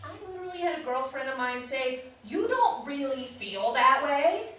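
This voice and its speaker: In a live staged play reading, a woman plays a newly separated sister who is wounded and defensive, candid and emotional, sounding hurt and bitter. Her voice is high, expressive and fairly bright, at a moderate pace. The room is very echoey, with a distant mic and faint noise.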